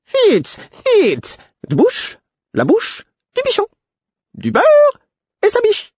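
A man voicing a strange pale male jester with a high, fluting voice who chants a sing-song riddle. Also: huge pitch swings, slow, dry recording, muffled recording, heavily acted. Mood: chanting.

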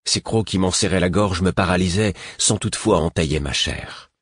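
A man narrating a fantasy novel in the first person, steady and measured. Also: low-pitched, no echo, clean studio sound. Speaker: audiobook narrator.

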